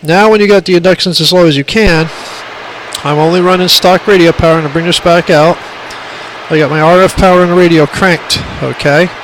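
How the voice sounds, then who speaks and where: This radio hobbyist's informal equipment tutorial comes through a low-quality amateur phone recording with slight background noise. Speaking a little fast, his high-leaning voice is fairly bright and fairly even, and his emphatic, plainspoken delivery keeps circling back to the same points.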